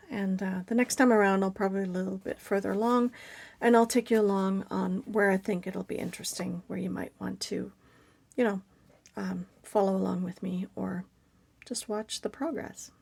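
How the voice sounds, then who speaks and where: A woman with a raspy voice chatting casually as she works on a craft project, often dropping to a soft whisper. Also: mid-range voice, fairly even intonation, moderate pace. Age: adult parent. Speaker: crafting video host.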